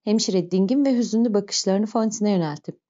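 Mellow-voiced woman narrating an audiobook. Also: mid-range voice. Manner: slow, measured storytelling. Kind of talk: audiobook reading of a novel. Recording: dull lo-fi recording.

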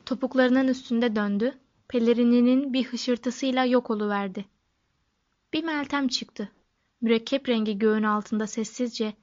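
Woman audiobook narrator, steady and expressive, somewhat high voice, muffled lo-fi audio. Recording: dull lo-fi recording.

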